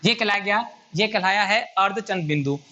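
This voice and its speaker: A man's voice: sits high, fairly quick, sharp tone. A man teaching a grammar lesson at a whiteboard, patiently repeating and counting items aloud.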